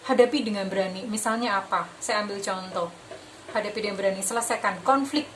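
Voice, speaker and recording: A woman giving a tarot reading to her viewers. She speaks in a gentle, reassuring way, repeats her points and drops English phrases into her talk. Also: fairly high pitch, a little hiss or hum, low-quality recording. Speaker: tarot reader. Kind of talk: tarot reading monologue to camera.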